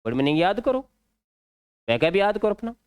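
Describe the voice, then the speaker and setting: A man with a Rajasthani Hindi accent teaching an exam-prep grammar lesson, explaining slowly and repeating key words. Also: high-pitched, big pitch swings, smooth, no room sound, studio quality.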